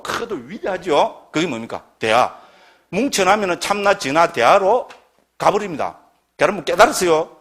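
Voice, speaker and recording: A man's voice: fairly high pitch, fairly bright tone. A middle-aged man giving a classroom lecture on Buddhist scripture, constantly quizzing his listeners with questions.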